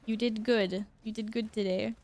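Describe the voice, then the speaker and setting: A woman's voice: a little high, steady tone, moderate pace, a little mellow. A woman live-streaming a game, chatting casually and informally with viewers and teammates, given to exclamations.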